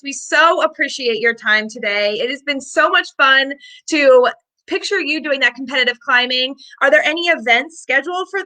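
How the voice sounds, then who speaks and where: A woman hosting a live-stream interview with a high, bright voice. She sounds upbeat and chatty and drops in fillers as she goes. Her tone is sharp and forward. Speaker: host.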